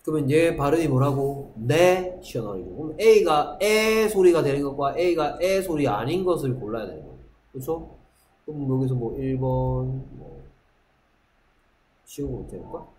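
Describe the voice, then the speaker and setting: A man's voice: on the high side, animated, normal speed, a little mellow. A middle-aged man teaching English vocabulary to a middle school class, repeating each word and asking rhetorical questions. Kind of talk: classroom lecture. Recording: echoey classroom with faint ambience.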